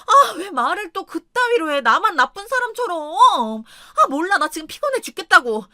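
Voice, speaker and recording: A woman's voice: high-pitched, big pitch swings, moderate pace, fairly bright tone, no echo, studio quality, voice pushed up. A woman voicing a petulant, spoiled young wife who talks in a whiny way.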